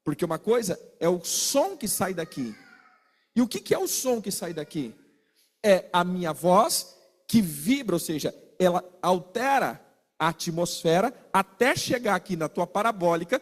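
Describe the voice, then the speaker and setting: A man preaching a sermon, animated, asking his listeners questions and acting out little exchanges. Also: sits high, measured pace, long reverb tail. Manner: animated, asks the congregation questions and acts out quarrels.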